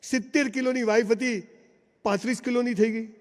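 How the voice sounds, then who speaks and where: Speaking at an extremely high pitch with fairly even intonation and a fairly quick pace, this man gives a motivational seminar talk live in a large hall. He tells stories forcefully and addresses the crowd directly, with long reverb from the hall.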